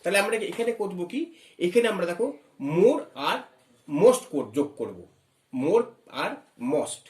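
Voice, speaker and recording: A man from West Bengal, his voice high and a little mellow with large pitch swings, gives a step-by-step English grammar lesson in an echoey room. Along the way he asks questions, spells words letter by letter, and reads English phrases slowly.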